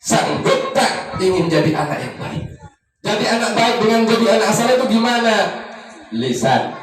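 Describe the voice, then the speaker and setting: A man preaching an informal sermon as an ustaz at a gathering, speaking. He talks in an animated way, letting his voice rise and fall as he acts out parents and children. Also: high voice, moderate pace. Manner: animated, rising and falling intonation, acting out parents and children. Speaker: ustaz giving advice at a birthday gathering. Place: community hall at an Islamic boarding school. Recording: echoey room, mic at a distance, music behind.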